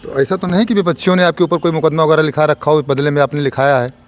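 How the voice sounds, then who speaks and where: A man working as a local news reporter, asking brisk, probing questions in a field interview. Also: on the high side. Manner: brisk, probing, with steady murmured acknowledgments.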